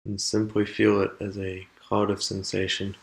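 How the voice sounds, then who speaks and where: Leading a guided meditation, this man speaks calmly and without hurry, leaving long silences between brief instructions. His fairly low voice has a creaky quality, and the audio is poor.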